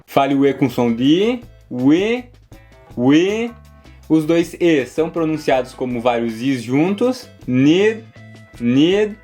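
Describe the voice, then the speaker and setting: A man with a Brazilian Portuguese accent teaching English in a video lesson, explaining clearly and slowing down to model each word. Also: mid-range voice, lively intonation, mellow, soft background music. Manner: clear, slows down to model words.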